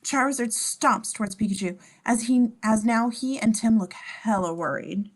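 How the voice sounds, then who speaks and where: In an amateur script reading, a woman narrates scene descriptions at a normal speed, her voice fairly high. She sometimes stumbles over words and corrects herself.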